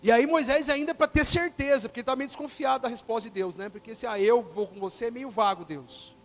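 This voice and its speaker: High-voiced, animated preacher man. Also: fast talker. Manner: animated preaching, acting out quoted dialogue, swinging between loud and soft. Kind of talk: sermon.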